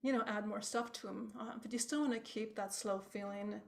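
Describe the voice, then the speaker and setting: A woman's voice: medium pitch, fairly even intonation, a little fast, gravelly. A woman teaching a harp workshop over a video call, chatty and conversational, quizzing her class with little tag questions as she goes. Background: harp playing.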